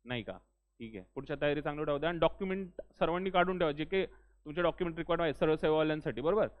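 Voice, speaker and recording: A man's voice: on the high side, racing. A young man teaching a classroom lecture in a friendly way, often saying "ठीक आहे" and urging students to speak up. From Maharashtra. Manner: loudly urges students to speak up. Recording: tinny phone-like recording.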